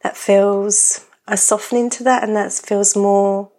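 A woman hosts a podcast interview in a croaky voice. Her pitch sits in the middle range for a woman, and she talks in a conversational way as she puts questions to her guest. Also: little pitch movement, unhurried, warm tone. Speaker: podcast host.

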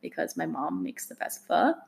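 A woman from Taiwan chatting casually on a podcast, relaxed and filling her speech with "like". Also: deep voice, moderate pace, gravelly. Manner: relaxed, many fillers of "like". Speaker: co-host. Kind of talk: casual chat.

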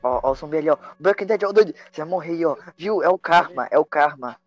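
Joking young man, slightly high voice. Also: lively intonation, fast, dull audio, faint music behind. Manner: joking, teasing. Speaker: guest. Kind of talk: casual gaming chat.

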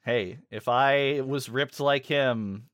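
A man co-hosting a podcast in casual chat, animated and laughing often as he retells scenes. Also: medium pitch, takes it slowly, no echo, studio quality. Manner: animated, laughs often, quotes characters in funny voices. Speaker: podcast co-host.

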